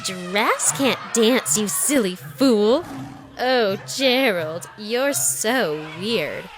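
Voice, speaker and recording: A woman voicing excitable jungle animals in a children's storybook, loud and exaggerated in her exclaiming. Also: mid-range voice, extremely slow, music in the background. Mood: mocking. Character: jeering, excitable crowd of dancing jungle animals. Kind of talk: children's storybook read-aloud.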